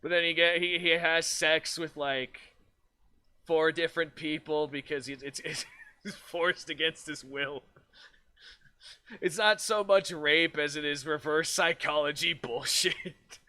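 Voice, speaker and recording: A man's voice: on the high side, fairly even intonation, slow pace, sharp tone. A man streaming as a virtual streamer in casual chat, laughing often, swearing freely and rambling with restarts.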